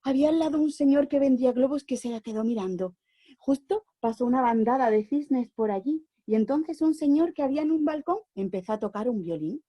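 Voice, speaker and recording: Lively Spanish woman telling a children's tale. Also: high voice, fairly quick, no room sound, lo-fi sound. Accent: Spain. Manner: animated, shifting from bright to hushed. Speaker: oral storyteller and educator. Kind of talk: expressive storytelling for children.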